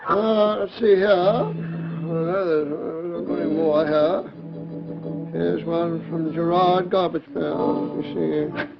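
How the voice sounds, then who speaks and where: An actor playing a weary, muddled, slow-witted man counting votes in a 1950s children's television comedy, hesitant and rambling. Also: fairly high pitch, steady tone, vocal fry. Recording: dull vintage TV recording with music.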